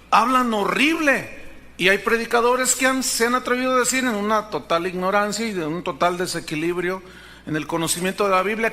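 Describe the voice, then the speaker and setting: A man's voice: high-pitched, pushed and bright. A male pastor, preaching a sermon emphatically and asking the congregation rhetorical questions.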